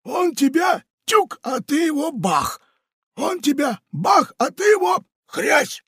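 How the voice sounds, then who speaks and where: A man voicing a boisterous, treacherous male pirate in a storybook, shouting his lines in a strained, raised voice. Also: very animated, takes it slowly, no room sound, clean studio sound, full character voice. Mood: boastful. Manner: shouting, exclamatory, high-pitched. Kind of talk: audiobook character voice.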